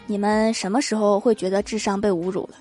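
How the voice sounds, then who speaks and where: A young woman host reading funny anecdotes as comic narration, with lively storytelling that acts out the quoted lines. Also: medium pitch, quick pace. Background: background music.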